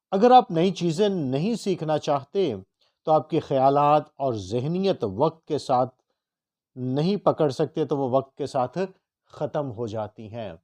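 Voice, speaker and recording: A man from Punjab, giving a motivational lesson and slowing down to spell out how words are pronounced. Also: a little high, a little mellow. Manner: emphatic, slows to spell out word pronunciations. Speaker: teacher.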